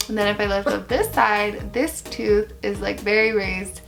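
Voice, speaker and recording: A young adult woman chatting casually as a YouTuber, gushing and expressive, with emphatic wording and casual slang. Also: medium pitch, a little slow, gravelly, soft background music. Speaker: YouTuber answering viewer questions.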